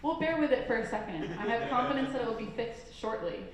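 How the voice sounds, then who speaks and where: A woman with a higher-pitched, animated voice talks fast as she emcees a live panel on stage, upbeat, cheerful and laughing often. The recording picks up the echo of a large event hall, along with crowd and room noise from the audience.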